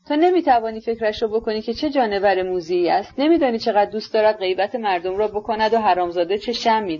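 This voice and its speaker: A woman's voice: medium pitch, close to an everyday voice. A woman reading the part of a bitter, sneering young man in an audiobook, muttering sarcasm. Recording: dull lo-fi recording.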